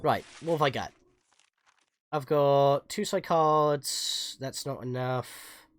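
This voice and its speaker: A man commentating as he plays a video game live, chatty and quick to exclaim. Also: medium pitch, no echo. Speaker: streamer playing a game. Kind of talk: live let's-play commentary.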